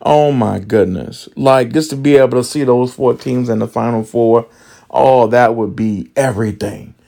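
A man hosting a casual sports podcast, excited and rambling, with many fillers and restarts. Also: mid-range voice, moderate pace, creaky. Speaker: podcast host.

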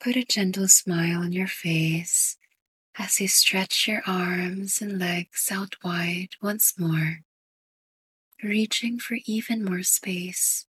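A woman guiding a sleep meditation in a soft, breathy whisper. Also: fairly low pitch, steady tone, no echo. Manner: slow, soft whispered delivery. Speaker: meditation guide.

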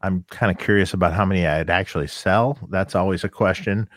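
A man's voice: low voice, a little fast, no room sound, clean studio sound. A man co-hosting a casual podcast, thinking aloud about gear and products with many fillers. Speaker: co-host and gear maker.

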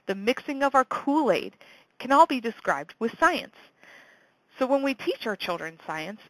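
Bright, curious woman hosting science lessons, dry sound. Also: on the high side, no room sound, rough recording. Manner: encouraging, poses questions and answers them. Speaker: host of a homeschool science teaching show. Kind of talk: scripted explanatory presentation to parents.

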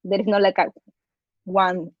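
Guesting in a casual interview, a para-rower from Ecuador shares a personal story in a Latin American Spanish accent, with many hesitant restarts and acted-out quotes. She speaks at a normal speed in a flat, mid-range voice on a muffled recording with no room sound.

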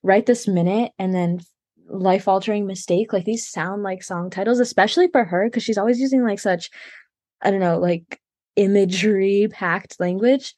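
A woman's voice: mid-range voice, fairly even intonation, normal speed, darkish tone, dry recording. Woman rambling on her vlog, lots of ums, voice right up on the mic, no room sound. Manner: rambling, chatty, full of fillers and restarts. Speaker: vlogger. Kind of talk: casual chat.

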